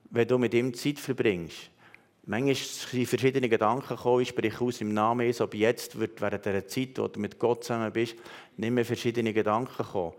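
Man, Swiss German accent, pastor, earnest sermon, speaks directly to listeners, hesitant pauses. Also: medium pitch, darkish tone. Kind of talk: sermon with prophetic words.

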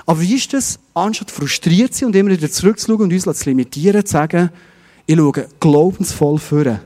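A man's voice: on the high side, a little fast, dark tone, long reverb tail. A middle-aged man preaching a sermon as pastor in a Swiss German accent, posing one rhetorical question after another.

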